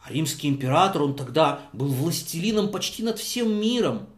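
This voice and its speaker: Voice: mid-range voice, very animated, moderate pace. A storyteller telling a folk tale dramatically, with sighs, exclamations and sound effects. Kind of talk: expressive oral storytelling. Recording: echoey room.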